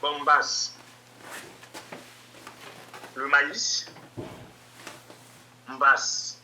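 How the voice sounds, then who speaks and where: A man's voice: a little high, steady tone, extremely slow, pushed and bright, slight background noise, low-quality recording. A male student in an online class, thinking aloud and hesitating. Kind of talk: class participation.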